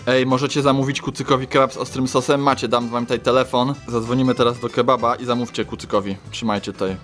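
A man's voice: medium pitch, flat delivery, fast, a bit bright. A man hosting a toy-unboxing video, chatting playfully and clowning as he addresses toys and viewers. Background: music.

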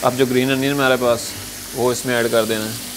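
A chef talks through a stir-fry step by step in a level, unvaried voice. He speaks calmly and keeps saying "achha ji" between steps. Loud sizzling from the frying pan runs under his voice. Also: medium pitch, brisk, background noise. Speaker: cooking show chef. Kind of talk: step-by-step cooking instruction. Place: restaurant kitchen at a gas stove.

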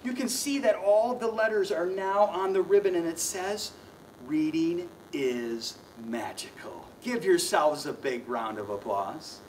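A young man with a fairly high voice hosts a children's magic show, talking straight to the kids in a bouncy, playful way. He sounds set back from the mic, with a faint hiss of noise behind him. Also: expressive, moderate pace, few pauses, a little mellow, recorded from a distance, rough recording. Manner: playful, mock-flustered showman addressing kids. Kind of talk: kids' magic show patter.

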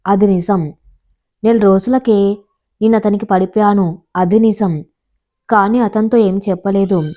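A young woman telling a first-person moral story in a calm, confiding tone. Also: medium pitch.

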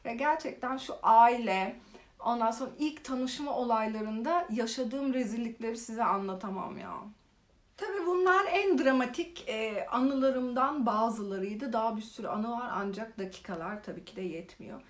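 A young woman casually telling funny stories in a vlog, animated and exaggerated. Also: on the high side, normal speed. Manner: animated, exaggerated retelling with laughs. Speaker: vlogger. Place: living in Korea.

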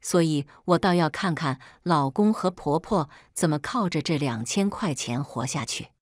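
Low-voiced woman narrating a story. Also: animated, moderate pace, no echo, studio quality. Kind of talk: scripted first-person story narration.

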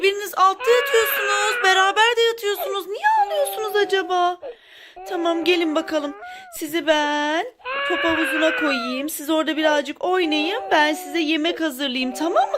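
A woman's voice: very high voice, animated, normal speed, very noisy. A woman narrating a toy play video, talking to baby dolls in a fussing, motherly, sing-song way.

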